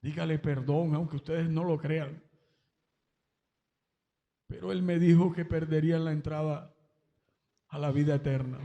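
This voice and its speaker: Man with a high voice telling his church testimony slow and emotional, big echoey hall. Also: steady tone, gravelly, mellow, lo-fi sound. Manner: emotional, breaks into exclamations of praise. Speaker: testimony speaker at a church service. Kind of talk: spoken religious testimony.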